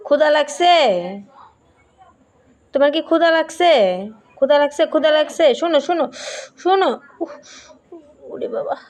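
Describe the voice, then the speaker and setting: A woman, softly pleading and coaxing her pet outdoors at night, repeating herself. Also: sits high, fairly even intonation, normal speed, pauses often. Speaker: pet owner.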